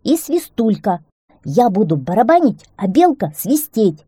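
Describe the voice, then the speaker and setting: A woman voicing an excitable young male hare who shouts and squeals in a storybook tale. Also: measured pace, breathy edge, no room sound, clean studio sound, exaggerated voice. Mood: excited. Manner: shrill, shouting.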